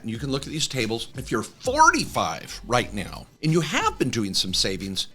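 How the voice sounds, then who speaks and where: A man's voice: medium pitch, pushed and bright. A man co-hosting a casual financial chat, walking through numbers step by step in an upbeat way. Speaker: co-host.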